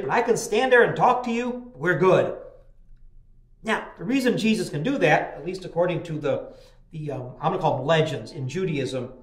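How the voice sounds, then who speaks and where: An older pastor delivers a midweek sermon inside a small church chapel, spinning folksy stories and often restarting his sentences. His voice is fairly high and the room gives it a reverberant sound.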